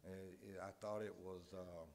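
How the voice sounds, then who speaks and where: A man's voice: deep voice, little pitch movement, takes it slowly, darkish tone, slight background noise. A middle-aged man from Tennessee, giving an informal, earnest sermon and often stopping to repeat his words. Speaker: lay preacher.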